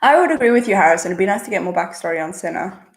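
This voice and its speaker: Her voice is fairly low and animated. As a channel host on a livestream, this woman with a mixed international-school accent reads viewer questions aloud and answers them casually, chatty and quick, with frequent "uh" and "um."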